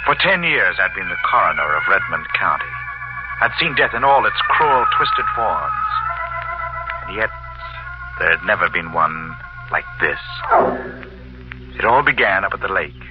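A haunted coroner narrating in a grim, low voice in an old radio drama. The recording is dull and vintage, with music playing behind. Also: male voice, big pitch swings, moderate pace, long pauses. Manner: grim first-person narration. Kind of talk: 1940s radio acting.

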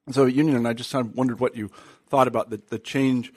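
A man's voice: medium pitch, fairly even intonation, fast talker, a little mellow, no echo, clean studio sound. A man interviewing a historian, asking questions in a hesitant way as he searches for his phrasing.

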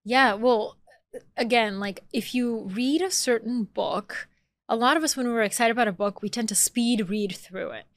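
A woman in her thirties, born in Bulgaria and raised in Atlanta, Georgia, chats casually as a guest on a podcast. Her voice is a little high, her pace moderate, and the recording dry. She's talkative, drops "like" often, and laughs easily throughout the conversational interview.

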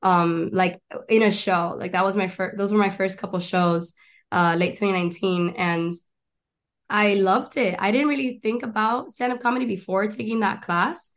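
Young woman guest, everyday mid-pitched voice, rambling and eager, keeps restarting her sentences. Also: fairly even intonation, moderate pace. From Miami and Argentina. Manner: chatty and eager, lists things, frequent restarts. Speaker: guest, actress and stand-up comedian. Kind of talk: casual interview chat.

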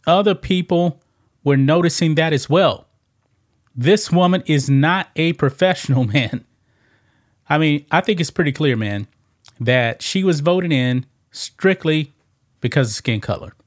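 A man's voice: fairly high pitch, a little slow. A man hosting an online commentary show, talking casually and emphatically, often tossing in "man" and repeating his points. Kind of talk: opinionated political commentary.

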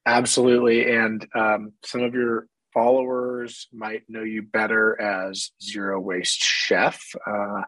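A hoarse man with a cold hosting a podcast interview from an office, upbeat and chatty with many fillers. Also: fairly low pitch, little pitch movement, slow pace, hardly any pauses, fairly bright tone, no room sound, low-quality recording. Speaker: podcast host. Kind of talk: casual interview chat.

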